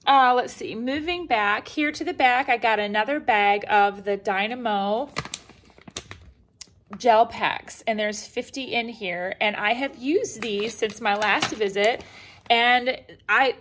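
A woman's voice: fairly high pitch, takes it slowly, fairly bright tone, a little hiss or hum. Upbeat chatty woman showing her groceries. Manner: chatty, upbeat, many ums and restarts. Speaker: vlogger showing a grocery haul. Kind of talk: casual chatty haul narration. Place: home kitchen or dining room, indoors.

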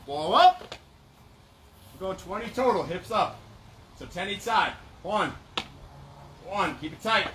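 Guy coach doing aerobics instructor style cues, energetic n commanding, sharp bright voice, bit of outdoor noise. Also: sits high, takes it slowly, pauses often. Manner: energetic, commanding, short counted cues while exercising. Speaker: fitness coach. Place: outdoor backyard gym patio. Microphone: camera a few metres away.

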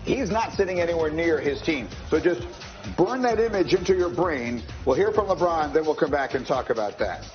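A man hosting a morning sports show, narrating game highlights with energy and leading the panel. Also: a little fast. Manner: energetic play-by-play over highlights. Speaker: studio host. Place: TV studio. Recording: dull broadcast audio with music.

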